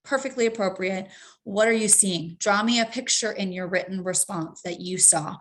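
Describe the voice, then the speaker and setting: Lady teacher trainer walking through a reading strategy, lots of ums, mid-pitched. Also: normal speed. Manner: practical, repeats key points, frequent ums. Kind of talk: professional development talk.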